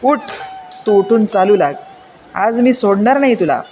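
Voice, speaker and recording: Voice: mid-range voice, expressive, measured pace, darkish tone, lightly acted. A storyteller voicing a village mother who scolds and commands her son, in a storybook reading over faint music. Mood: angry scolding.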